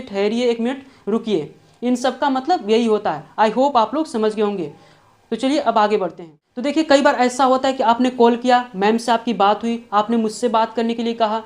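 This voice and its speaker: A woman with a slightly high voice gives a spoken English lesson. She explains in Hindi with English mixed in. She says each example phrase slowly and deliberately, often twice. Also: a little mellow. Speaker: English teacher.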